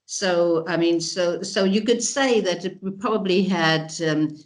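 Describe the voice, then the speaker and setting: A woman's voice: lowish voice, a little slow. A middle-aged woman from South Africa, a researcher giving an interview, reflective and hesitant with many restarts. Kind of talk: recorded interview.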